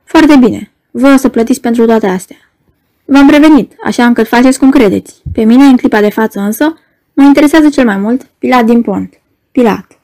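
A woman voicing an agitated young male poet who bursts out in excited, shouting protests in a storybook reading. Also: extremely high pitch, no room sound.

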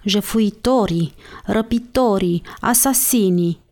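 A woman's voice: mid-range voice, a little mellow, natural voice. A woman reading the lines of a feverish dying father who rails with a voice trembling with hate. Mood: feverish raging.

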